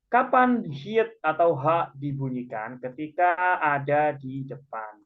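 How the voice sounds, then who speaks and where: Guy teaching an online class, talks slow n patient, explains step by step, dull call audio. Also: medium pitch. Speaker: Korean language teacher. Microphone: video call. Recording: muffled video call audio.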